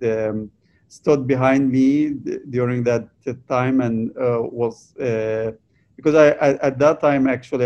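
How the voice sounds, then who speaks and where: Man, from Egypt, young researcher, interview answers, hesitant, many fillers, mid-pitched. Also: dark tone, highs cut off. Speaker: vaccine researcher.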